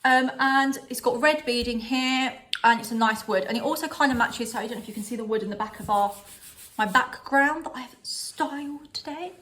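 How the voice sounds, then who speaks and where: Young woman, vlogger, upbeat chatter, laughs at herself, slightly high voice. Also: moderate pace, fairly bright tone. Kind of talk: casual home haul vlog. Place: at home, in front of a styled background.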